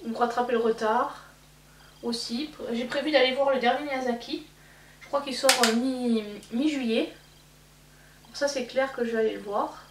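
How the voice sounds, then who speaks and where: A beauty vlogger in her thirties chats loosely while putting on makeup, filling her get-ready-with-me talk with fillers and tangents. Her fairly high voice holds a steady tone at a moderate pace, heard in an echoey room through a distant mic over a faint hum.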